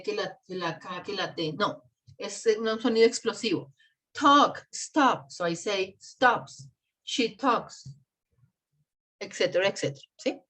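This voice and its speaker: A woman's voice: mid-range voice, fairly bright tone. A woman teacher explaining grammar in an online class, patiently spelling out and repeating examples. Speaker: English teacher.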